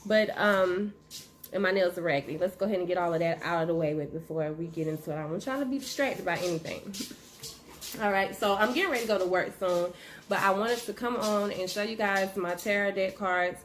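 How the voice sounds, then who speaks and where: A woman hosting her own channel, chatting casually with viewers while chewing gum, with a relaxed, friendly manner. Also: medium pitch, fairly quick. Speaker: channel host. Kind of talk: casual vlog chat. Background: faint noise of her dog moving around.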